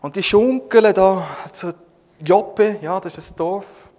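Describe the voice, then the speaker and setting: A man with a Swiss German accent delivers a sermon in a high, unhurried voice, spinning the story with jokes and turning to people in the audience by name. His words ring out with a long, echoing reverb. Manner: lively, humorous storytelling, addressing listeners by name. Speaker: preacher.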